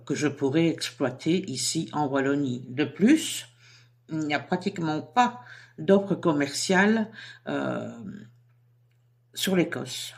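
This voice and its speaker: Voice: medium pitch, vocal fry. A speaker who talks casually to camera about a business project, in a chatty and hesitant way with many fillers. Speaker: entrepreneur presenting a themed business project.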